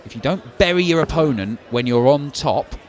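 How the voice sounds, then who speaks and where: A man's voice: mid-range voice, animated, normal speed. A man giving conversational live darts commentary, stacking short phrases for emphasis. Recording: crowd noise behind commentary. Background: darts crowd.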